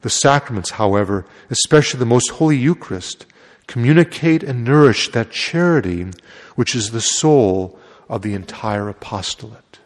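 A man's voice: medium pitch, expressive, moderate pace. A man serving as a priest, reading the gospel and preaching a homily in a large church. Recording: long echo of a large church.

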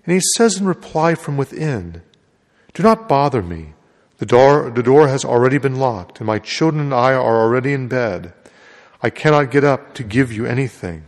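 A man's voice: medium pitch, animated, moderate pace. A man serving as a priest, reading the gospel and preaching a homily in a large church. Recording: long echo of a large church.

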